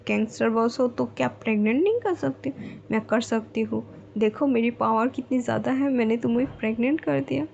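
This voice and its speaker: A woman's voice: fairly high pitch, brisk, gravelly, a little mellow, lo-fi sound. A woman voicing a confident, protective mafia king who teases and coaxes in a playful way, in a Hindi storybook retelling. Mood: teasing. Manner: playful, coaxing and reassuring.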